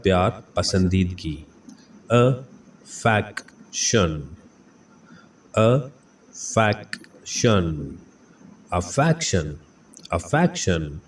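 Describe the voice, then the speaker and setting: A man teaching English vocabulary, saying each word slowly and repeating it several times. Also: low voice, darkish tone. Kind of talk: pronunciation lesson. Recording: slightly distant mic with faint background noise.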